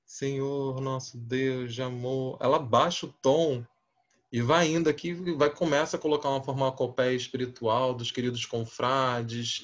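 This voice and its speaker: A man with a Brazilian Portuguese accent giving a spiritist talk, holding back a naturally deep, booming voice and telling stories in a conversational way. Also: muffled recording. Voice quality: deep booming voice held back to a gentler volume. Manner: conversational and anecdotal, acting out quoted exchanges. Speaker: speaker at a spiritist meeting.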